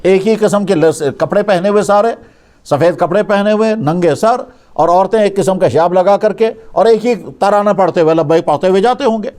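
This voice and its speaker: A man's voice: high-pitched, darkish tone. A man preaching a storytelling sermon, retelling a story and acting out its dialogue with conversational restarts.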